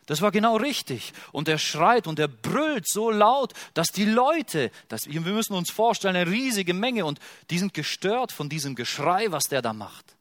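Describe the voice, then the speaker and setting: A man delivers a sermon with a slightly high voice. He drops to a near whisper on quoted pleas and rises loud for emphasis. The sound is dry and close. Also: moderate pace, hardly any pauses, no echo. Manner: expressive, swings from hushed to loud when quoting. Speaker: preacher.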